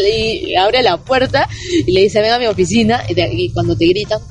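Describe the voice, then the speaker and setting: A woman's voice: mid-range voice, lively intonation, normal speed, poor audio. A young woman with a Peruvian Spanish accent, telling a story in casual chat with lots of slang.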